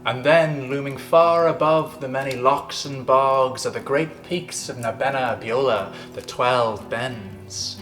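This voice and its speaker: A man's voice: medium pitch, steady tone, slow pace, few pauses, a bit bright. An Irish man telling a story in a lilting, theatrical way, as a scripted narration. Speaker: storyteller, host. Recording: roomy echo, music behind.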